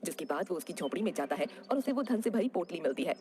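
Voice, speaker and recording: A woman's voice: on the low side, sing-song, fast talker, warm tone. A woman narrating a cartoon story in plain, scripted storytelling.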